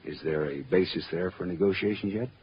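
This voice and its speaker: A hardboiled American private detective played by a man with a low, wry delivery full of dry wisecracks. It is classic radio drama acting, on a muffled old recording with faint noise. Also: a little fast, close to an everyday voice. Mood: businesslike. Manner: sardonic, cool, dry.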